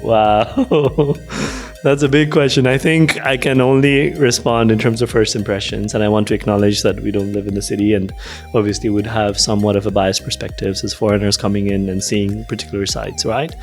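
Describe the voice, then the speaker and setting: A man's voice: fairly low pitch, fairly even intonation, fairly quick, soft background music. A young man from Nepal, giving thoughtful, hedging interview answers full of "like" and "um". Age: young adult. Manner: thoughtful, hedging, many "like" and "um" fillers. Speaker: interview guest, researcher.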